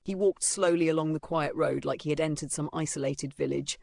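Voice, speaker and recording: A narrator telling a story recap with dramatic, halting phrasing, close on a dry mic. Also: medium pitch, fairly even intonation, vocal fry, a little mellow, a little hiss or hum.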